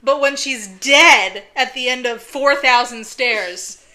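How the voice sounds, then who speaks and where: A woman co-hosts a podcast in casual conversation. Her voice sits on the higher side and has a bright, crisp edge. She eagerly builds on her partner's points with string after string of questions. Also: slow pace, a little hiss or hum. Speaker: podcast co-host. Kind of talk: casual chat.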